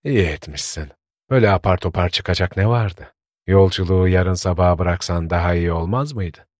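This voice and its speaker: A man voicing a worried, gruff old village grandfather who scolds and frets. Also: low-pitched, brisk, darkish tone, dry recording, studio quality. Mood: scolding. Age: older. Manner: scolding, fretful.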